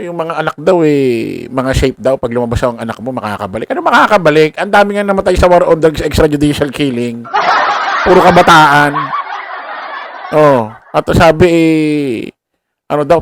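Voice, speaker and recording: A man's voice: a little high, animated, moderate pace, creaky, dry recording. A man giving casual political commentary to viewers, mocking and laughing, full of rhetorical questions. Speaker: commentary vlogger.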